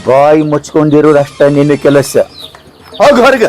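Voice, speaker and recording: Proud village landlord played by a man, North Karnataka accent, commanding, somewhat high voice. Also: very animated, moderate pace, darkish tone, faint music behind. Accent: North Karnataka Kannada. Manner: commanding, scolding. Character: rich proud village landlord, later remorseful. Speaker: lead actor. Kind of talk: village skit acting.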